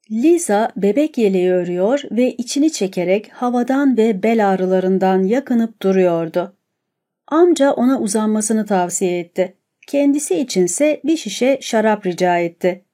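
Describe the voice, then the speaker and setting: A woman narrating a novel aloud as an audiobook in a calm, measured reading. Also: mid-range voice.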